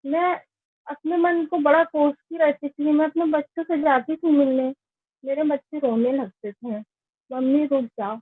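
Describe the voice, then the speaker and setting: A woman, slowly and earnestly recounting her own life story as a testimonial. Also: high-pitched, fairly even intonation, no room sound. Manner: slow, earnest, plain recounting. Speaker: network marketing member giving a testimonial. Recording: tinny phone-like, dry sound.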